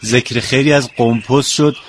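A man's voice: mid-range voice, fairly even intonation, a little hiss or hum. A male radio host chatting casually with a guest, often cheering him on with approving interjections. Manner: warmly encouraging, frequent approving interjections.

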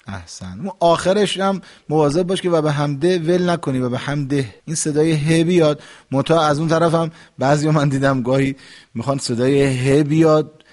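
A man's voice: a little high, darkish tone. A man hosting a radio call-in show, patiently correcting callers' recitation and demonstrating pronunciation. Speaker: radio host and recitation teacher. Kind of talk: instructive radio call-in talk. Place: radio studio.

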